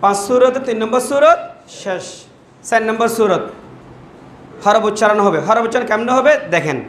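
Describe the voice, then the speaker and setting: A man with a strikingly high voice teaches a class, stretching each syllable out slowly and half singing the sounds for the students to repeat. The room is echoey, and steady noise sits behind him. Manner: slow, drawn-out syllables, sing-song recitation. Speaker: Quran teacher. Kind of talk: teaching a class, call and response.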